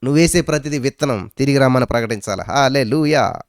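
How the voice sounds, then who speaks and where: A man speaks fast in a dry, clean studio recording while preaching as a pastor. Sudden rises and drops in his pitch and volume punctuate the points he drives home, and he mixes in bits of English.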